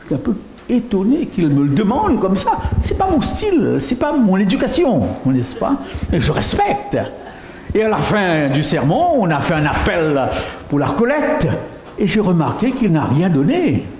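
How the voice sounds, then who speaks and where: A man's voice: sits high, wildly swooping pitch, normal speed, a little mellow. A middle-aged man from Mauritius preaching a testimony sermon, often asking the audience rhetorical questions. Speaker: pastor. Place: church meeting hall. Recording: echoey hall with faint noise.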